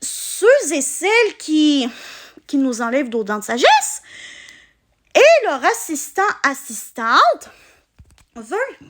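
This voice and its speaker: A woman with a Québécois French accent telling a personal story in a casual vlog, explaining things with halting pauses mid-sentence. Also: sits high, wildly swooping pitch, a bit bright. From Quebec, Canada. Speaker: vlogger.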